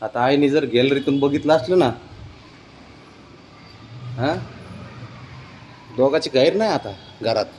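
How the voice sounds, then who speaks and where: A man outdoors coaxes his cat along in fond baby talk, gently scolding it now and then. His voice sits at an ordinary middle pitch. A faint hum of outdoor ambience stays behind him. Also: slow, long pauses. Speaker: vlogger walking his pet cat. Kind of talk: casual talk to a pet. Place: outdoors, in sun and shade.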